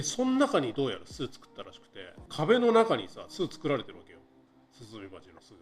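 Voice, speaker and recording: A man casually telling a true scary story from his own life, acting out what people said and the buzzing of wasps, laughing often. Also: fairly high pitch. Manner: animated, acts out quotes and buzzing sounds, laughs often. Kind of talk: casual storytelling from a live stream.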